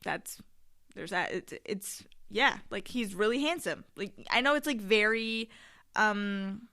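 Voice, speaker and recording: Bright, clear young woman podcasting. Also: mid-range voice, expressive, slow. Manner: candid, slangy, frequent swearing. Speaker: podcast host. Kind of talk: casual solo podcast talk.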